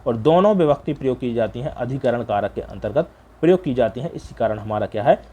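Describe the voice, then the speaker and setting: A man's voice: mid-range voice, expressive, a little fast, mellow. A man teaching a Hindi grammar exam revision lesson. He keeps repeating each answer back as a question to his students and checks in with frequent fillers.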